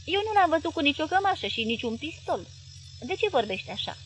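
A woman reading an audiobook plays a wife with a sugary, coaxing voice, pitched high and pleading as she reasons with her husband. Her lines come loud and lively. A faint hiss lies behind the voice.

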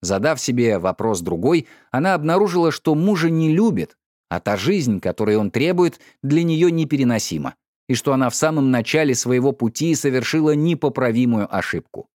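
A man narrating an audiobook in an expressive, dramatic storytelling manner. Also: medium pitch, brisk, no room sound, studio quality. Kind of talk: scripted narration.

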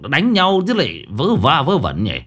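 A man doing a gruff swearing village husband. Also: fairly high pitch, huge pitch swings, normal speed, a bit bright, voice pushed up, exaggerated voice. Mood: annoyed. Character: gruff grumbling village husband, middle-aged.

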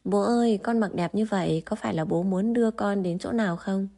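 A woman reading the lines of an excited little boy in a storybook. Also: mid-range voice, a little fast, creaky. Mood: eager. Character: cheerful little boy, eager and chatty.

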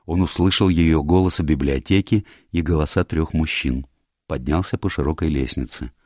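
A man narrating an audiobook in a calm, even storytelling manner. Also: very deep voice, moderate pace, no room sound, studio quality. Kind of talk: scripted narration.

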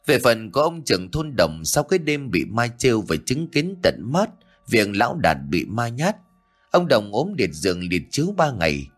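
A man tells a ghost story with suspense and drama. His pitch moves in a wide, animated way, and soft music plays faintly underneath. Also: normal speed.

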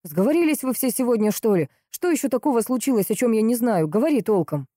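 A woman's voice: on the high side, expressive, warm tone, no room sound, clean studio sound, voice pushed up. Woman reading a flustered young man. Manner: hurried, puzzled.

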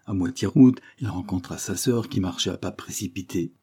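Male narrator, low voice, mellow, audiobook reading. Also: normal speed, slightly rough. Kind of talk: scripted narration.

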